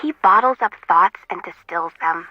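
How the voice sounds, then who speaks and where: A woman with a naturally low-leaning voice speaks at a moderate pace, with no room sound, as a quirky young harbor intern in a game. Muffled and lo-fi, the chatty young adult character rambles and cracks jokes at her own expense.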